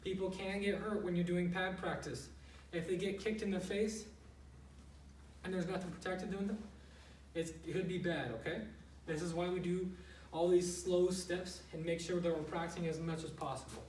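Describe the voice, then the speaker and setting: A man's voice: high-pitched, steady tone, moderate pace, a little mellow. A man giving a casual, step-by-step martial arts lesson, explaining plainly and checking in often. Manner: plain-spoken, explanatory, frequently checking with "okay". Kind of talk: casual step-by-step instructional demonstration. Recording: roomy, noisy, distant microphone.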